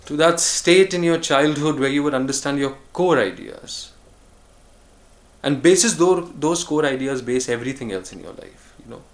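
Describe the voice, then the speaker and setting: A man records a reflective solo vlog, musing earnestly in a mid-range voice and often pausing and starting over. He talks about choosing calm over harshness.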